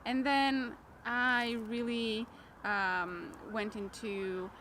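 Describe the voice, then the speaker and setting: A woman's voice: on the high side, level tone, drawn-out words, fairly bright tone, a little hiss or hum. A young woman from Romania, English as her second language, speaking as a guest in a casual interview and laughing often. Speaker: guest, writing coach and author.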